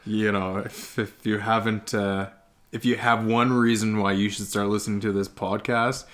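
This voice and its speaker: A man's voice: fairly low pitch, little pitch movement, moderate pace, fairly bright tone. A man from Canada hosting a podcast, asking casual questions, laughing often and tossing in short encouraging replies. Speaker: podcast host. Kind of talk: casual interview.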